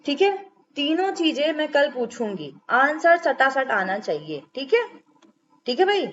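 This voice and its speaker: Young female lecturer with a high voice, explaining step by step, dull lo-fi recording. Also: big pitch swings, measured pace, a crowd in the background. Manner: explains step by step, asks checking questions. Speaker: teacher. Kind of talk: exam-prep lecture.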